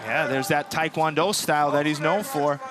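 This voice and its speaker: A man's voice: fairly high pitch, steady tone, normal speed. A man giving casual live fight analysis as an expert kickboxing commentator. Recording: loud arena noise behind commentary.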